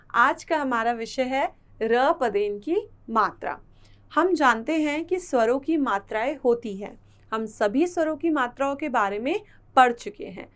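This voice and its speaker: A woman's voice: on the high side, a bit bright. A woman teaching a children's Hindi reading lesson, patiently spelling out sounds syllable by syllable.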